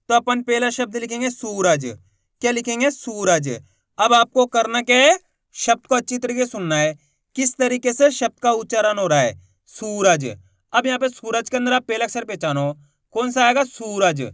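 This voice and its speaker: High-voiced man spelling out syllables. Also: fairly bright tone, no room sound, studio quality. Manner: slow, syllable-by-syllable spelling out of words; addresses viewers directly as friends, encouraging. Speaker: Hindi reading teacher. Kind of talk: online reading lesson.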